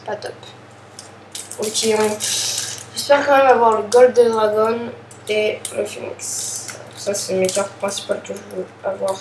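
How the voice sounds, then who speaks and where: A woman's voice: medium pitch, steady tone, slow, a little mellow, a little hiss or hum. Hesitant woman opening card packs. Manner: hesitant, apologetic, many fillers. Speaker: card pack opener. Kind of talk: casual unboxing commentary. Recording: distant echoey room with faint ambience.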